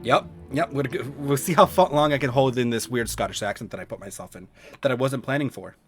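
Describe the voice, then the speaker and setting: A man's voice: mid-range voice, fairly bright tone, soft background music. A man narrating as game master of a streamed tabletop game, chatty and self-deprecating. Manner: chatty, self-deprecating, quick to laugh at himself.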